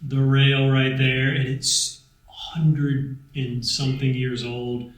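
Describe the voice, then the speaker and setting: A man co-hosting a family travel vlog, chatting casually and hesitantly, often filling pauses and restarting his sentences. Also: mid-range voice, little pitch movement. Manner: hesitant, many fillers and restarts. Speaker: vlog co-host. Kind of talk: casual chat. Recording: echoey room, distant mic.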